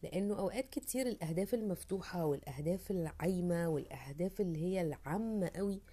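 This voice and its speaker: Low mellow Egyptian woman podcaster. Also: expressive, quick pace, breathy edge. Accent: Egyptian Arabic. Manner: conversational, thinks aloud, acts out inner voices. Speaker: podcast host. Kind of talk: casual reflective monologue.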